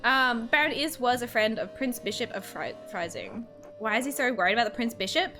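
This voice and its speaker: A woman's voice: a little high, animated, a little fast, sharp tone, soft background music. A young woman streaming a game, chatting, reading the game text aloud and joking with her viewers. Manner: chatty, reads game text aloud, jokes and reacts with alarm. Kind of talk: live game playthrough commentary.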